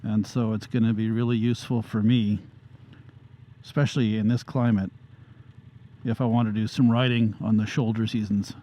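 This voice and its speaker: A man reviewing gear in a calm, matter-of-fact way as he rides, talking through a motorcycle helmet microphone. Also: lowish voice, normal speed, pauses often. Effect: talking through a motorcycle helmet microphone while riding. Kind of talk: casual review narration while riding. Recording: muffled helmet mic with faint road noise. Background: faint traffic and engine sound.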